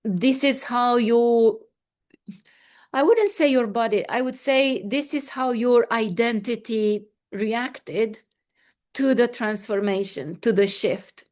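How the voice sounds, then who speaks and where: A woman coach leading a live online session, giving gentle, repetitive affirmations and calm breathing cues, and reading out participants' responses. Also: a little high, takes it slowly.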